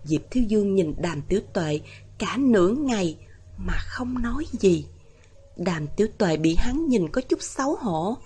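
A woman narrating a novel as an audiobook, reading in an even, steady way. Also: medium pitch, measured pace, breathy edge.

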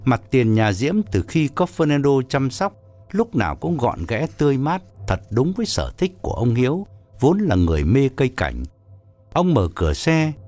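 A man reading a story aloud as narrator, in an expressive storytelling manner. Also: medium pitch. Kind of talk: scripted narration.

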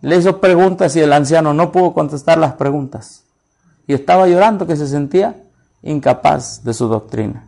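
Gravelly-voiced man preaching with animated storytelling. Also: on the high side, normal speed. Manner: animated storytelling, acts out both sides of conversations. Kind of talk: sermon with retold dialogue.

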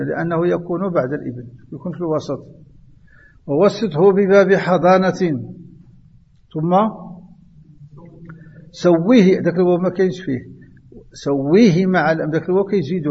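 A man's voice: fairly high pitch, gravelly, a little mellow, breathy edge. A man with a Moroccan accent teaching a class on inheritance law. He questions his students, quotes verse and often restarts his words. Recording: echoey, muffled lecture hall recording.

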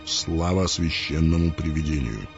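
A man putting on a deep-voiced grim hooded cult servant. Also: unhurried, creaky, exaggerated voice. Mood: grave. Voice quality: unexpectedly deep, low voice. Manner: solemn, formal, intoning. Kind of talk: audiobook reading. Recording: muffled audio with faint music.

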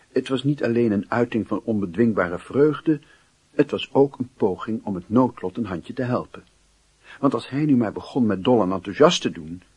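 A man with a low, husky, raspy voice narrates a wistful literary radio drama as a reflective, measured storyteller. His delivery is heavily acted, and there's no echo.

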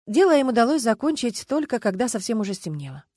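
A woman narrating an audiobook in an even, measured way. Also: fairly high pitch, no echo. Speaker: audiobook reader.

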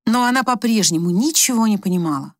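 A woman narrating an audiobook in an even, measured storytelling manner. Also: mid-range voice, no echo, clean studio sound.

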